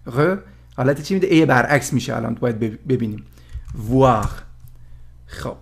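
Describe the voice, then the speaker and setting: A man giving a casual language lesson, explaining pronunciation slowly and repeating each sound aloud. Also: medium pitch, animated, gravelly, breathy edge. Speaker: French teacher.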